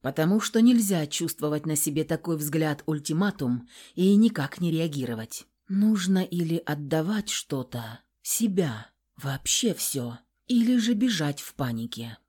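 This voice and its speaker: A woman narrating a first-person audiobook in a measured, intimate way. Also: low voice, animated, mellow, husky. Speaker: audiobook reader.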